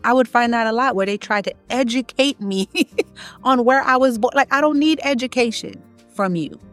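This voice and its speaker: A woman from Haiti, an online content creator, delivers an emphatic, opinionated casual monologue at a moderate pace, her pitch climbing whenever she presses a point. Her tone is fairly bright, with faint music in the background.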